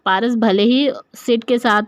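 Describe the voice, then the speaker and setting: A woman's voice: on the high side, fairly even intonation, unhurried, smooth, dry recording, studio quality. A woman giving a casual narrated recap, retelling scenes and quoting lines with frequent fillers.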